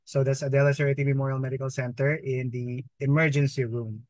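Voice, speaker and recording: A Filipino emergency room nurse in his thirties, a guest in an interview, tells a personal story conversationally. His mid-range, darkish voice is level and quick, carries a Filipino accent, and mixes Tagalog words into his English, with no echo in the recording.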